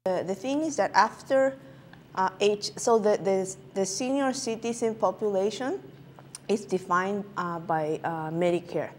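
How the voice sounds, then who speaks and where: A Peruvian woman, a physician appearing as an interview guest, answers questions haltingly and fills her speech with many filler sounds. Her voice sits in the mid range, and there's slight background noise.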